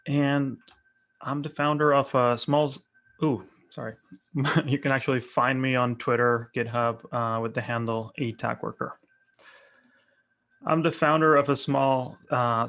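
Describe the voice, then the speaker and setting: A man from Argentina presenting a software workshop over a video call, friendly and relaxed with frequent fillers. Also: mid-range voice. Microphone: webcam video call.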